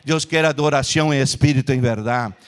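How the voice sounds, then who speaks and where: A male pastor delivering an animated sermon in a church, shifting between hushed storytelling and loud emphasis. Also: mid-range voice, fairly quick. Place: church sanctuary.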